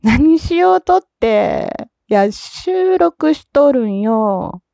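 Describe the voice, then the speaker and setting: A woman doing a young Fukuoka woman on a phone call, put-on Fukuoka dialect, sweet and teasing, lively swooping voice, fairly high, dry close sound. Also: slow, creaky, dry recording, full character voice. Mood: affectionate, teasing. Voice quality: sweet, playfully coaxing. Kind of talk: staged one-sided phone call.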